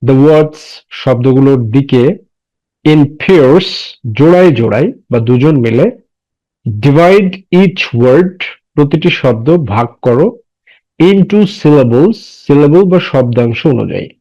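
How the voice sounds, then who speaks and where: A man teaching an English lesson with a Bengali accent. He spells words out and breaks them into syllables slowly. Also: medium pitch, animated, dark tone, muffled recording. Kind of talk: recorded classroom lesson.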